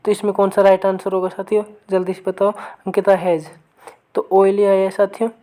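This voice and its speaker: A woman teaching an online grammar lesson, who keeps asking her viewers for the right answer and reads each sample sentence slowly and again. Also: medium pitch, level tone, dark tone. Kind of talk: online exam-prep lesson.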